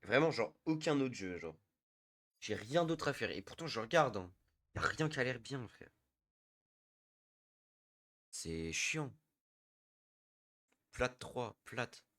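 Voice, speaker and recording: A man's voice: on the low side, lively intonation, a little slow, pauses often, a bit bright, no room sound. A young man streaming a shooter game, grumbling in casual slangy chat to himself and his teammates.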